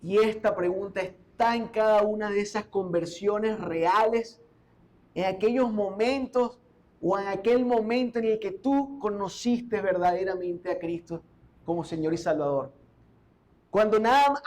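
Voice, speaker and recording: A man's voice: sits high, measured pace, low-quality recording. A male pastor giving a sermon. He reads scripture verse by verse and stops to explain it, asking the congregation rhetorical questions.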